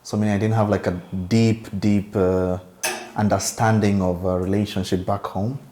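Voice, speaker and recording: A man's voice: lowish voice, flat delivery, normal speed, warm tone, echoey room. A man from Kenya, answering thoughtfully and unhurriedly on a podcast. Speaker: podcast co-host. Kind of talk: casual podcast chat.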